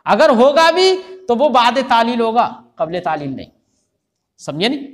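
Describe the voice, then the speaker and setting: A man's voice: extremely high pitch, sing-song, normal speed. A man teaching grammar in a classroom lecture, often stopping to quiz his listeners. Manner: keeps quizzing listeners with rhetorical questions.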